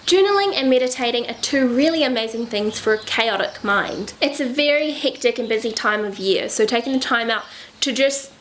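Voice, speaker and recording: A woman's voice: fairly high pitch, background noise. A young woman talking casually and reflectively to the camera in a lifestyle vlog, with many fillers and self-corrections. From Southern Hemisphere. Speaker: lifestyle vlogger.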